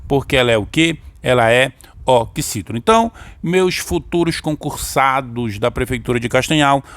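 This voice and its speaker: A man's voice: mid-range voice, expressive, normal speed, a bit bright, dry recording. A man with a Brazilian accent teaching an exam-prep grammar lesson, explaining step by step and often checking in with his listeners.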